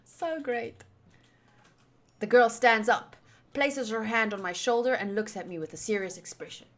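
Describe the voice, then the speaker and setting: An American woman from the United States reads a visual novel aloud and chats as she streams, playful and theatrical in manner. Her voice is on the high side and a bit bright, at a moderate pace.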